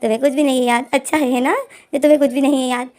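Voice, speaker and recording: A sly, self-assured young man, as a woman narrator puts him on in a storybook retelling. He speaks low and soft, coaxing and teasing with smug calm. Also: very fast.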